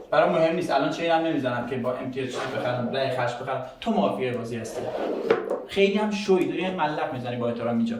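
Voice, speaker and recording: A man playing a mafia game who argues heatedly and accuses another player. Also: fairly high pitch. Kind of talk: arguing in a social deduction game. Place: game cafe room. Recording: distant mic, echoey room, noise.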